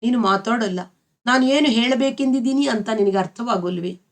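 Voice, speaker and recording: A woman reading aloud the lines of an earnest young man in love, asking gently and earnestly. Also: on the high side, moderate pace, close to an everyday voice.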